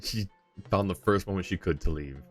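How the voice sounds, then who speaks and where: This man has a low voice and talks at normal speed, a bit tired as he casually and politely chats with his viewers during a live gaming stream. Game music plays faintly in the background.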